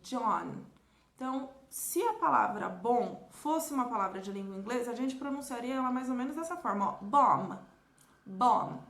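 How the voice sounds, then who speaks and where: High-voiced Brazilian woman teaching. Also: animated, creaky, roomy sound. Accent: Brazilian Portuguese. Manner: didactic, repeats example words slowly. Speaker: English teacher. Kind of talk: recorded lesson for children.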